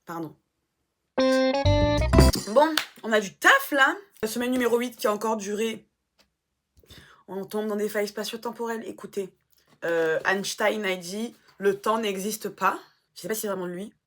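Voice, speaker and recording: A woman vlogger in casual chat, animated and self-mocking, swearing now and then. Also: mid-range voice, unhurried, pauses often, very noisy.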